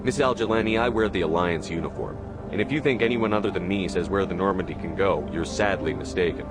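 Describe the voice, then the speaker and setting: A man's voice: low voice, fast, over loud music, lightly acted. A man playing a blunt, authoritative military commander in a video game. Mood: stern. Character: blunt, authoritative human military commander, hard-edged hero. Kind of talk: video game drama acting.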